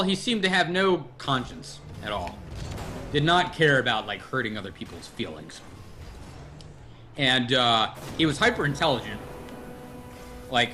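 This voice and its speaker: A man's voice: medium pitch, a little hiss or hum. A man hosting a livestream podcast, telling stories in casual chat and swearing freely. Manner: animated storyteller who swears freely. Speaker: podcast host. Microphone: livestream podcast mic.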